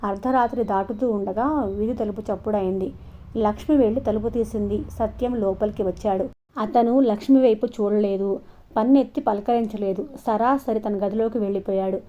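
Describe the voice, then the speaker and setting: A woman narrating an audio novel in a measured, even storytelling manner. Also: mid-range voice. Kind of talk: scripted narration. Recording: dull lo-fi recording.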